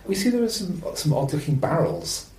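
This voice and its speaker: A man's voice: a little high, a little fast. A male podcast host talks through a film in a loose, chatty way, with frequent "um"s and restarts. His intonation moves up and down a lot. The recording has a noticeable room echo. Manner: rambling, animated, with frequent fillers. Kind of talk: casual film discussion.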